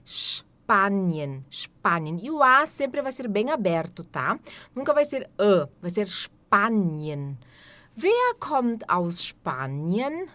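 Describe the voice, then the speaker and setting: A woman with a Brazilian Portuguese accent teaching an online German lesson, explaining step by step and slowly repeating each German word several times. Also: medium pitch. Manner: explains step by step with frequent "tá?" and "né?" checks.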